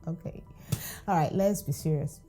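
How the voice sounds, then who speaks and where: Speaking at a normal pace, this woman has a low, mellow voice, with faint music playing behind her. She's a Nigerian food vlogger, an Igbo native speaker, chatting casually and lively to camera about food safety and frequently laughing.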